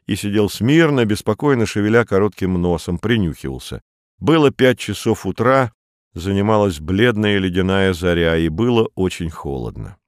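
A man reads a chapter of a novel in a steady, even way. His voice is deep and low, and the recording is close and dry with no room sound. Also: clean tone, no echo. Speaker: audiobook narrator. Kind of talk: scripted narration.

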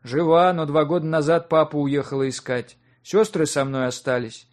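A man's voice: on the high side, fairly even intonation, normal speed, lightly acted. A man voicing a brash young working-class guy who talks in an eager, slangy, pushy way.

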